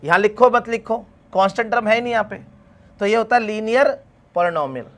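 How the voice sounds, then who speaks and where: A man's voice: high-pitched, brisk, a bit bright. A math teacher, lecturing a class. He keeps asking his students questions and answers them himself, calling them beta as he talks them through each step.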